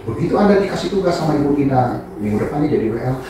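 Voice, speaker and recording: A male pastor preaching a sermon in an animated, joking way, sometimes acting out the voices of the people he quotes. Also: mid-range voice, racing, distant mic. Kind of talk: sermon with anecdotes. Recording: echoey room, voice from afar, audible background noise.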